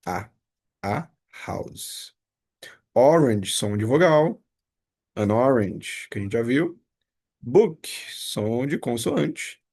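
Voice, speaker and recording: Slow gravelly male teacher. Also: mid-range voice, expressive, darkish tone. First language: Portuguese. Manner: patient, explains step by step, repeats examples. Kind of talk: casual exam review lesson.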